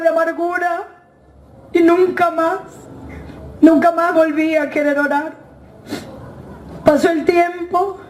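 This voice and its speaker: A woman with a very high voice tells her story as an emotional church testimony, speaking to the congregation and calling them "brother" again and again. Her pitch moves little. The sound is roomy and echoey, with a faint hiss of noise behind her. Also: darkish tone. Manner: keeps addressing listeners as "hermano". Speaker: church member giving a testimony.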